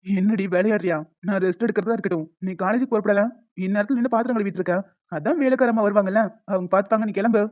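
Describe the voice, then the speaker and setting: A woman's voice: medium pitch, racing, dull audio, close to an everyday voice. A woman voicing a teasing young husband. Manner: playful, coaxing.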